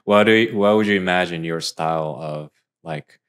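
A young adult man co-hosts a podcast in a small room, speaking into a boom mic on a stand. His voice is deep, clear, and resonant at a normal speed. In casual chat, he asks long, rambling questions packed with fillers.

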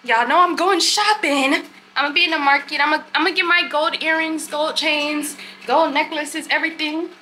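A young woman vlogging casually to her viewers from a hotel room and balcony, chatty and animated, filmed on a phone held at arm's length. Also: high-pitched, brisk, a little hiss or hum. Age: young adult. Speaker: travel vlogger. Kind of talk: casual vlog to camera. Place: hotel room and balcony at night, outdoors by a city street. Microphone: handheld phone camera at arm's length.

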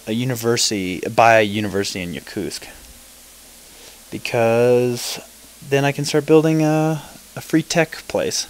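A man's voice: medium pitch, a little slow, low-quality recording. A man giving casual gameplay commentary, thinking aloud, mumbling and swearing now and then. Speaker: let's play gamer.

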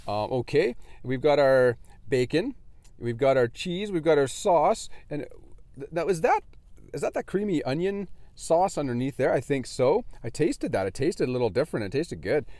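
A chatty, animated man gives a casual food review from his car, laughing as he goes. His voice sits fairly high, and the sound is close and dry with no room echo. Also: moderate pace. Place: in a parked car.

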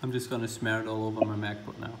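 A man's voice: on the low side, little pitch movement, very fast, vocal fry, a crowd in the background. A young man from Germany chatting casually in his vlog, laughing often and swearing lightly. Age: young adult. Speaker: vlogger. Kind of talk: casual vlog chat on a call. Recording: roomy echo, faint room noise.

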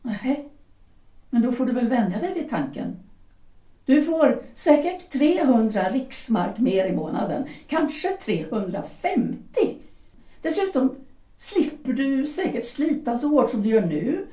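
This slightly high, mellow female voice swings widely in pitch, recorded at a distance in an echoey room. For an amateur audio drama, she plays a pragmatic young German mother married to a shipyard worker, pressing her husband persuasively and dismissing his doubts.

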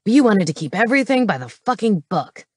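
A woman doing a low, sneering older villain. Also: very animated, quick pace, husky, no echo, clean studio sound, exaggerated voice. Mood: scheming. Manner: sneering, cold. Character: older male werewolf villain, scornful and greedy. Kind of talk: audiobook character voice.

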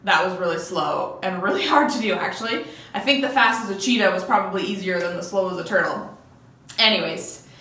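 A woman's voice: mid-range voice, pushed and bright. A woman leading an online children's church lesson, coaxing the kids through call-and-response in an upbeat way. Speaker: children's ministry leader. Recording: echoey room from a distance.

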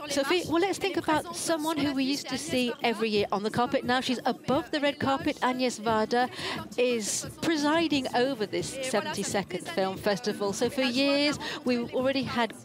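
A woman works as a live interpreter for red-carpet TV, her voice sitting fairly high. She delivers the English in halting, phrase-by-phrase bursts, with music clearly playing behind her.

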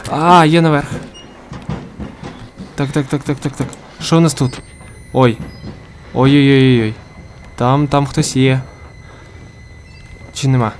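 A man's voice: mid-range voice, fairly even intonation, slow pace, pauses often, slight background noise. A man commentating a horror game as he plays, jumpy and swearing constantly, yelping when startled. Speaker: gamer playing a horror game. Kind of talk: let's play commentary.

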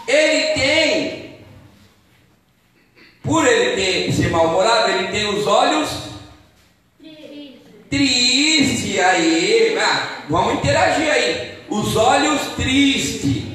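A man giving an animated children's lesson in a church, often asking the kids questions, heard in an echoey hall from a distance. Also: very high-pitched, very slow, long pauses.

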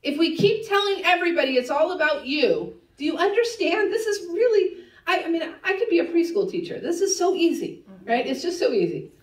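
A woman pastor preaching a sermon to her congregation, conversational and teasing, with quick laughs in her asides. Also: very high voice, sing-song, far from the mic. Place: church sanctuary. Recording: echoey church room, voice a bit off-mic.

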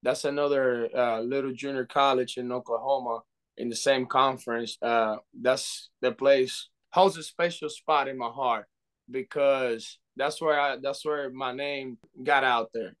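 A man's voice: medium pitch, steady tone, a little slow, fairly bright tone, smooth. A young man from the Dominican Republic with a Dominican Spanish accent, a baseball coach talking earnestly on a video call, often restarting and saying "you know". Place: indoor room. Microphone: webcam on video call.

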